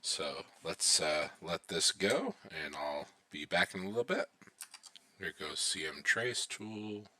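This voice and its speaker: Man, low bright voice, relaxed screen-recording tutor thinking aloud. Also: takes it slowly. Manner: relaxed, thinking aloud while watching installs. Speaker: IT instructor.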